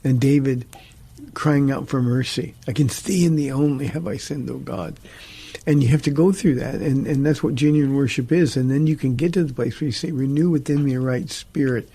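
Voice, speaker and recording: A middle-aged pastor hosts a talk show and teaches from the Bible, earnest but halting, often restarting his sentences. His medium-pitched voice is husky, warm, and steady in tone.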